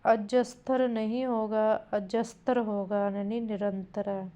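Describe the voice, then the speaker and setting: Woman teaching grammar for exam prep, slow deliberate drill, mellow kinda flat voice. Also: medium pitch. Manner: addresses listeners directly with "bhai".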